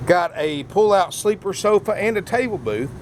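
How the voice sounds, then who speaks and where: An animated RV salesman gives a folksy, casual walkaround of a used motorhome at a moderate pace, often calling viewers "folks," his speech slightly slurred from a mouth numb after dental work. He starts outdoors on an RV lot and moves inside the motorhome. The handheld video is noisy, with engine rumble, a running generator and air conditioners.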